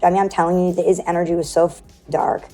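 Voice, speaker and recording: A woman's voice: lowish voice, fast. Woman telling a story, heavy "like" fillers. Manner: animated, acts out quoted dialogue, many "like" fillers. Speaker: interview guest. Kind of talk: casual storytelling in an interview.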